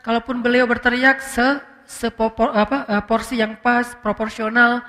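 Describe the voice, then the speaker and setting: Male preacher, casual storytelling sermon, slangy with fillers, bright voice, long hall reverb. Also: very high-pitched, moderate pace, faint music behind. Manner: relaxed storytelling with slang and frequent "apa" fillers.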